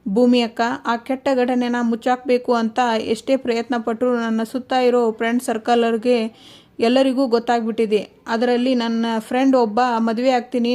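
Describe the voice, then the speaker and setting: A woman's voice: on the high side, a little mellow. A woman narrating a TV serial episode as a story, reading all the characters' lines in her own voice.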